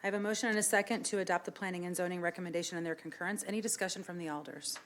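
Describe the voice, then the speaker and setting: A woman chairing a council meeting, formally reading out agenda items and procedure in a brisk, businesslike manner. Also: fairly low pitch, steady tone. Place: indoor council meeting room.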